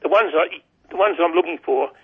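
A man's voice: a little high, fairly quick, husky. Man calling in over a phone. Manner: plainspoken and casual. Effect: caller heard over a phone line. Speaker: radio show caller. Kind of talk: phoning in questions to a gardening talkback show. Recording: tinny telephone line.

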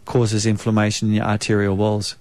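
Man, New Zealand accent, lowish voice, measured explainer, dry recording. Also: completely flat delivery, a little mellow, dry recording. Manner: measured, explanatory, many um fillers. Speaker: naturopath guest. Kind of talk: conversational expert interview.

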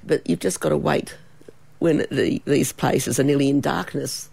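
Croaky, husky Australian woman with a cold. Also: deep voice, fairly even intonation, moderate pace, darkish tone, dry recording. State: hoarse from a cold and sore throat. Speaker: travel expert guest. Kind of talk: chatty radio interview.

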